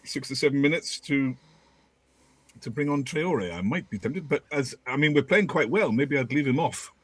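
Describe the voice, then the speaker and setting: A man's voice: mid-range voice, animated, moderate pace, breathy edge, dry recording. A man co-hosting a football watchalong, calling the play live with jokey asides. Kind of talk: excited live match commentary.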